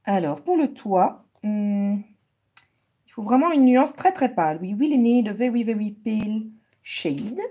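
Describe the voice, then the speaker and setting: Husky-voiced woman coloring live. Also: mid-range voice, animated, measured pace, lo-fi sound. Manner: switches between French and English, repeating each step; soft, murmured while concentrating on coloring. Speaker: live coloring stream host. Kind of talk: bilingual live coloring tutorial, reading chat.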